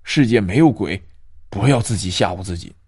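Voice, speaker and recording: A man voicing a stubborn old village grandmother, speaking a little lower and softer and grumbling as she scolds. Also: expressive, brisk, slightly rough, no echo, studio quality. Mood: scolding.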